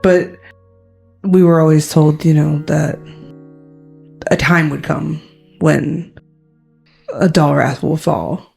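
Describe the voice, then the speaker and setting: A woman's voice: sits low, steady tone, slow pace, creaky, pauses often, darkish tone, faint music behind. A woman casually narrating her part in a tabletop game, hesitant and full of restarts. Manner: hesitant, lots of fillers and restarts. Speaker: tabletop game player and storyteller.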